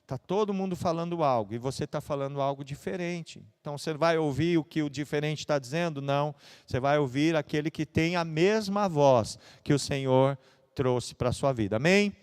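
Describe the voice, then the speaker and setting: A man preaching a sermon as pastor, with a São Paulo Brazilian accent, swinging between hushed and loud passages. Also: fairly high pitch, moderate pace, smooth. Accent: Brazilian Portuguese, São Paulo.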